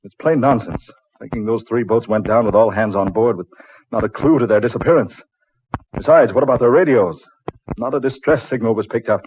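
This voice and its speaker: An intense, anxious reporter at sea, acted by a man in an old-time radio drama. His insistent voice comes through a thin AM radio band with clear hiss and noise behind it. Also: medium pitch, fairly quick, natural voice. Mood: insistent, argumentative. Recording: tinny, noisy old AM radio recording.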